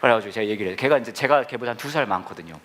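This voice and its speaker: A male pastor preaches to a live congregation at a church service, spinning humorous, self-deprecating stories. His medium-pitched voice is slightly bright and moves at a racing pace.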